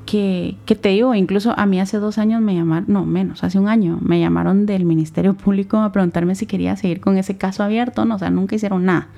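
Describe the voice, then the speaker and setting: A young woman with a Guatemalan Spanish accent, speaking as an interview guest in earnest, reflective personal testimony, in short halting phrases. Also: medium pitch, steady tone, creaky, dark tone, lo-fi sound, faint music behind.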